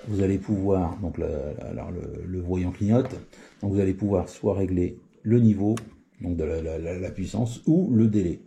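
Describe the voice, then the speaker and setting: A man's voice: deep voice, dark tone, a little hiss or hum. A man giving a casual spoken tutorial on radio settings, hesitant, with many fillers and restarts. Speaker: CB radio hobbyist demonstrating settings.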